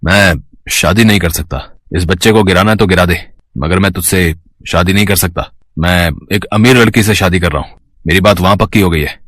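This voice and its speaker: A man's voice: low voice, a little fast, a bit bright, dry recording. A man playing a greedy, scheming doctor. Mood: cold. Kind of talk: storybook drama.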